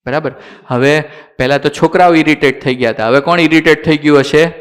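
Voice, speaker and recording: A man with a fairly high voice tells a sacred story to children as a sermon. He speaks slowly and deliberately, asks questions and answers them himself. English words slip into his telling. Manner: slow, deliberate delivery.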